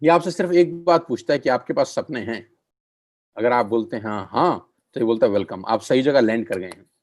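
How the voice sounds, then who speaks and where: A middle-aged network marketing presenter makes a persuasive business opportunity pitch, repeating phrases for emphasis and calling listeners his friends. His mid-range voice moves fairly quickly, with no room sound.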